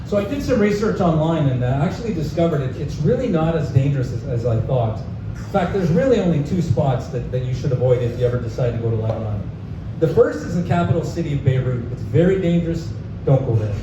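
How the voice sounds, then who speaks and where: Fast and animated, with a fairly high voice, a young Canadian comic works a live pub crowd, loose and casual, peppering his lines with "uh" and chuckling at his own gags. A distant mic picks him up in the echoey bar room, leaving the sound dull and noisy.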